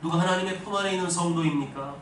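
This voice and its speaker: A male pastor giving an emphatic sermon that rises to loud exhortations, in a church sanctuary. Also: sits high, rapid-fire. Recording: echoey hall, distant mic, noisy.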